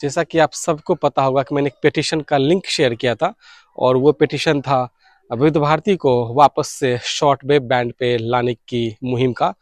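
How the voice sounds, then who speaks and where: A man in his thirties speaks at medium pitch and moderate pace, his intonation fairly even. As a radio hobbyist video blogger, he explains things to viewers in a casual, earnest vlog, sprinkling in English words. He's outside on a balcony or rooftop near fields, and the lapel mic recording is dry.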